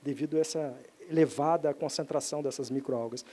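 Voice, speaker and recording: A man's voice: fairly high pitch, a little fast, warm tone. A man, a professor explaining water science at a seminar panel, often tagging sentences with "né?". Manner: explanatory, frequent "né?" tag questions, some restarts. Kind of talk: technical talk on lake pollution. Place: seminar auditorium.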